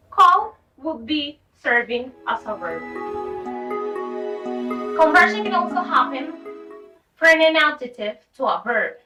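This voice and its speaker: A woman teacher with a high, bright voice explains grammar patiently and reads each example sentence aloud. She sits a good way from the mic in an echoey room. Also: recorded from a distance.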